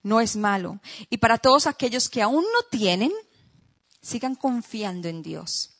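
A woman's voice: a little high, expressive, unhurried, fairly bright tone. Woman preacher delivering an emphatic sermon. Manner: emphatic, repeats phrases, checks in with listeners. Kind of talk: sermon with rhetorical questions to the congregation.

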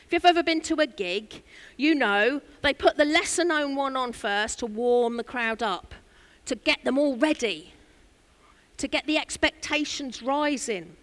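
A woman pastor preaching a sermon in a church, telling a story with lively asides and questions to the congregation. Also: high-pitched, measured pace.

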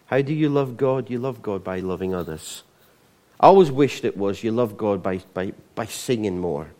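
A man's voice: fairly low pitch, lively intonation, moderate pace, mellow. A middle-aged Scottish man preaching a sermon in a conversational way, often restarting and repeating words as he goes. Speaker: pastor.

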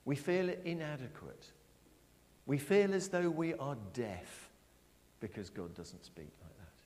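A middle-aged man preaching a sermon, asking his congregation questions and stressing his words slowly. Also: mid-range voice. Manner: lively, questioning the congregation, slow emphatic phrasing. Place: church. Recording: long church reverb.

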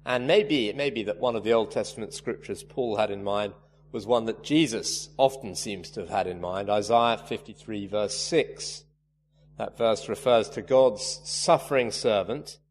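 A man's voice: lowish voice, moderate pace. A man preaching a sermon, earnest and emphatic, leaning hard on key words. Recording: reverberant hall, faint hum.

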